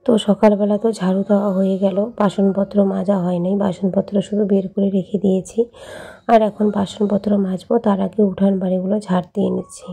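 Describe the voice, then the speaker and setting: A woman vlogger with a cold, speaking hoarsely and quietly in a chatty, rambling late-night voice-over. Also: medium pitch, level tone, fast talker, faint music behind. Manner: speaking softly and hushed.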